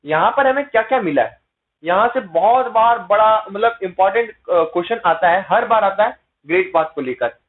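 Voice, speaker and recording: A man's voice: high voice, lively intonation, normal speed. A man teaching an exam-prep lecture, asking rhetorical questions and checking in with his listeners. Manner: explains with repeated rhetorical questions and "है ना" tag checks; mixes English terms into explanations. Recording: tinny phone-like sound.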